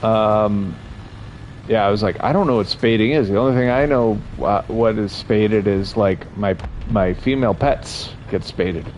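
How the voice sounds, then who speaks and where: A man's voice: on the low side, measured pace, darkish tone. A young man chatting casually with his stream chat while playing, rambling and amused at himself. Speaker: gaming streamer. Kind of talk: casual gameplay commentary. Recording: slightly dull, faint game noise.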